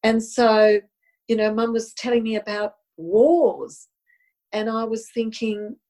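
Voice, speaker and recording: Here she takes it slowly, her voice a bit high and a touch mellow. The Italian-described Australian guest shares a personal story in a casual, earnest, reflective way, frequently repeating words.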